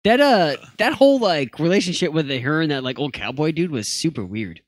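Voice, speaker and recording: A man's voice: fairly high pitch, animated, brisk, dry recording, studio quality. A man in a casual chat about a TV show, rambling and full of fillers.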